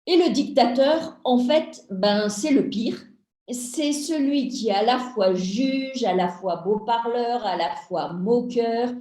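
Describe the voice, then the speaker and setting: A middle-aged woman gives a measured talk to parents over a video call, acting out small family exchanges as she goes. Her voice is mellow and a little high, and she takes her time. The room around her sounds echoey. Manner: slow, measured, acts out family dialogue examples. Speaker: lecturer on family communication.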